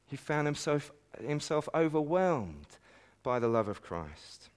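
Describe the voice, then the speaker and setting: A man's voice: fairly high pitch, sing-song, a little slow, clean tone. A man preaching a sermon at a conference, earnest and emphatic, with light self-deprecating asides. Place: conference meeting hall.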